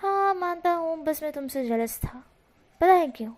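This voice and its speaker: A woman's voice: very high voice, expressive, normal speed, pitched above the performer's own voice. A woman doing a sly flirting fox man. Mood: teasing.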